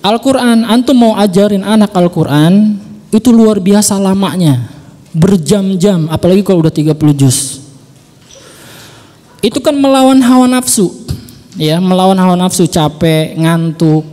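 A man with a high, mellow voice gives earnest parenting advice on a radio show. He repeats each point and speaks straight to his listeners. His voice carries a long, reverberant hall echo. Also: normal speed. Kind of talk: religious parenting advice talk. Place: radio studio.

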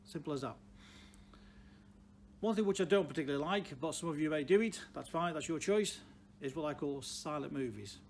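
A man's voice: fairly high pitch, expressive, brisk. A man in his sixties with a Stoke-on-Trent Potteries accent, giving plain-spoken, unscripted advice to camera as a car dealer, with emphatic repeated phrases. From Stoke-on-Trent, England. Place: large indoor car showroom. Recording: clear background noise, showroom ambience.

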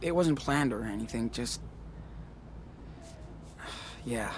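A shy, reluctant teen son in a game, dragging out each few words very slowly and mumbling. Clear noise hums under the game sound. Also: male voice, lively intonation. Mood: subdued. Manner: mumbled, reluctant, low-key. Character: quiet awkward teenage son, older brother.

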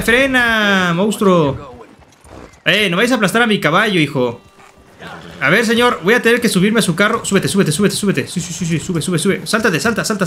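A man with a Mexican accent giving playful, joking let's play commentary with loud excited outbursts. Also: sits high. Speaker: gaming YouTuber.

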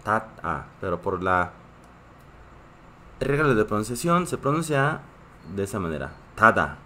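A man's voice: on the low side, sing-song, unhurried, bright, forceful tone, slight background noise. A man who is a native Korean speaker, teaching a live online class in a patient way and often checking in with his students. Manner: reads chat and greets viewers.

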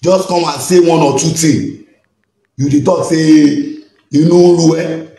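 A Nigerian man with a slightly high voice scolds in an exasperated commentary rant. His voice bounces around a roomy, echoing space. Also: steady tone, measured pace, warm tone. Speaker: social media commentator. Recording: roomy echo.

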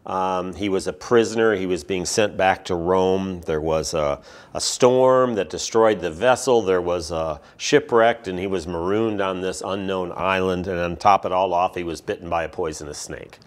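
A man, a pastor, giving a relaxed, conversational sermon. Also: deep voice, moderate pace.

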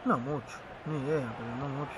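A young man with an Argentine accent, commenting excitedly on a football video game with friends, teasing and swearing. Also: mid-range voice, fairly quick, very noisy. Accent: Argentine Spanish. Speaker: gaming youtuber. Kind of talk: casual gaming commentary with friends.

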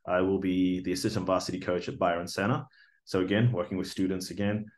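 Speaking fast with a low, slightly mellow voice that barely moves in pitch, an Australian man in his forties makes an earnest self-introduction for a teaching role. The video application, full of fillers and restarts, was captured on a webcam indoors.

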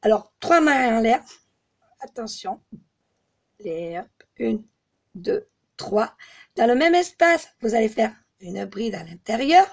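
A slightly hoarse woman giving a step-by-step crochet tutorial, patiently counting stitches aloud. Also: on the high side, big pitch swings, takes it slowly, long pauses. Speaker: crochet teacher.

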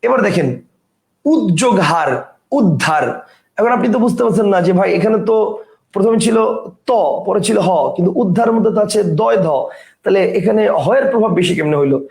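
A man teaching a grammar lesson, explaining step by step and often asking whether the point is clear. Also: high voice, quick pace, a little mellow, roomy sound.

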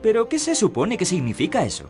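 An actor playing a cheeky, bumbling young pirate hero in a video game, with a Castilian Spanish accent. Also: male voice, high voice, huge pitch swings, quick pace, a little mellow, soft background music. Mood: earnest, defiant.

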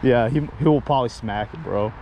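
A man vlogging a fishing trip outdoors, chatting casually and exclaiming excitedly at every fish. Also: medium pitch, a little fast, a little hiss or hum. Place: outdoors by the water. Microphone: action camera.

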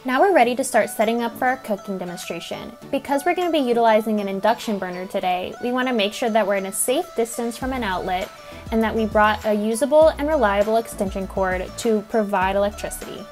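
A woman with a slightly high voice narrates practical setup steps in a calm, explanatory voice-over. Soft music sits faintly under her. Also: fast. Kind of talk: instructional voice-over.

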